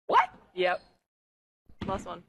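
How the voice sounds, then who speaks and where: A woman's voice: mid-range voice, vocal fry, pushed and bright, a little hiss or hum. An American woman basketball player guessing slang in a casual game, playful and giggly.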